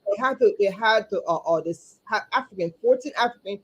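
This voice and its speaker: Earnest woman with halting speech. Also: medium pitch, highs cut off, faint music behind. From Liberia. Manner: earnest, repeats words, many halting fillers. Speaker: guest, community advocate and chapter chair. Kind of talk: livestream interview. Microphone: video call.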